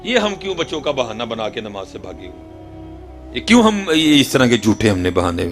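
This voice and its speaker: A middle-aged man preaching a sermon with a Punjabi accent. He swings between loud exhortation and hushed near-whispers, and keeps addressing his listeners as "Hazrat ji". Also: mid-range voice, very animated, faint music behind. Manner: addresses the audience repeatedly as "Hazrat ji". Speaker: religious preacher.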